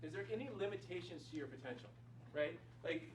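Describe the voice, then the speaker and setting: A middle-aged chiropractor giving a casual, rambling motivational talk to a group, full of "like" and repeated words. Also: male voice, on the high side, animated, fairly quick. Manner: casual, filler-heavy, repeats himself. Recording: echoey room, far from mic, noisy.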